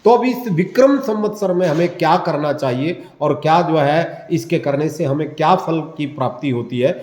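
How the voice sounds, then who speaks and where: A man gives a devotional talk in a slightly high voice, telling an old story and then listing rites one after another with small pauses. The room around him rings with echo. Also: a little mellow. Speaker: religious teacher. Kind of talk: devotional discourse.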